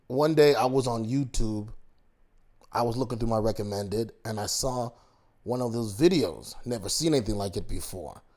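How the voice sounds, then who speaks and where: Here a man with a medium-pitched, somewhat mellow voice gives a relaxed YouTube commentary. Reflective in tone, he poses rhetorical questions to viewers and returns to his own words, repeating himself and restarting loosely.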